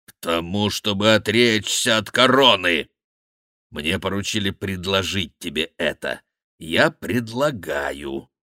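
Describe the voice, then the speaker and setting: Man doing a fat mocking monk, loud and preachy, slow forceful delivery, bright tone, audiobook. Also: low-pitched, expressive, dry recording, clean studio sound, exaggerated voice. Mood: menacing. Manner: bellowing, scornful, preaching. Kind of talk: audiobook character reading.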